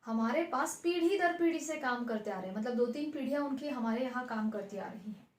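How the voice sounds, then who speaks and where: A woman's voice: high-pitched, fairly quick. A woman teacher explaining a Hindi play, rephrasing hard words and mixing in English terms, recorded in a room with an echo. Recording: roomy echo.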